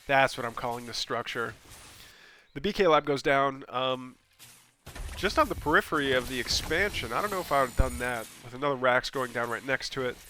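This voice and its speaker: Alone at his desk mic, a male game caster commentates a strategy game replay, his mid-pitched voice bright yet stuffy and scratchy with a cold. He talks a little fast and rambles casually, full of ums and self-corrections. When a play surprises him, his pitch leaps and he bursts with excitement.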